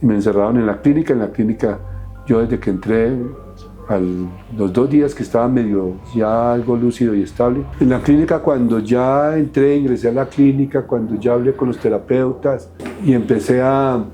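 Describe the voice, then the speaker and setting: A middle-aged man speaks as an interview guest, his voice very dark and mellow. He tells his story haltingly, restarting phrases as he goes. Faint music sits underneath. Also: mid-range voice. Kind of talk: personal testimony in an interview.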